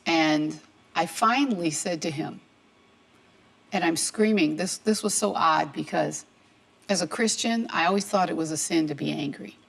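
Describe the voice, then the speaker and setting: Middle-aged woman guest, low gravelly voice, animated storyteller voicing every part. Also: normal speed, rough recording. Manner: animated storyteller acting out dialogue. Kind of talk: personal testimony in a talk show chat. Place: tv studio.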